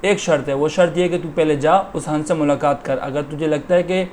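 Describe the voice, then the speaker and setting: A man voicing a wise old holy man in a folk tale, speaking calmly and fatherly as he sets his conditions. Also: fairly high pitch, brisk, a little hiss or hum, lightly acted.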